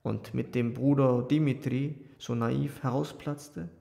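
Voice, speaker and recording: A sardonic young thinker, as a male audiobook reader puts him on, cool and argumentative. the voice is slow and gravelly, with a long hall-like reverb around it. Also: medium pitch, fairly even intonation, mellow. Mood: wry. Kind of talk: audiobook character voice.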